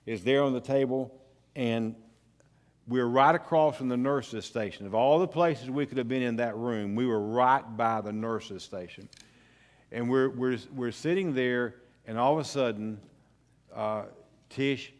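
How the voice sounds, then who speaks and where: An older man, a pastor telling a family story in a folksy, unhurried way with pauses and restarts. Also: mid-range voice. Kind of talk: storytelling sermon. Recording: long church hall reverb.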